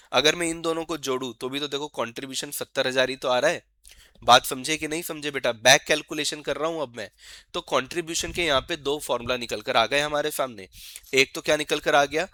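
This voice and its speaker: A man giving an exam-prep lecture, coaxing his students and asking questions he answers himself, and slowly reading out formulas as he writes them. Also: on the high side, bright, forceful tone, dry recording. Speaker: teacher.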